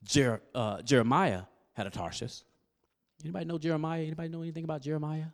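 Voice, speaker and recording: A man preaching a sermon, quizzing his congregation and building up to loud exhortation. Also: fairly high pitch, quick pace. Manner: call-and-response with the congregation; animated, rising to loud exhortation. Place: church service.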